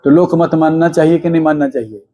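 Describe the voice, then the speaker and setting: A man with a fairly high voice speaks to his listeners in a devotional discourse. His tone is mellow and warm. He keeps asking rhetorical questions and sometimes slows into chanted scripture verses. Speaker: religious storyteller.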